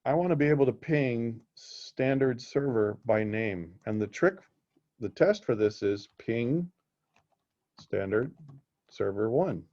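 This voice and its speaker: A man's voice: medium pitch, animated, slow pace, mellow. A man teaching a live technical class in a casual way, often checking that his students are following. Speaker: instructor. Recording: dull lo-fi recording.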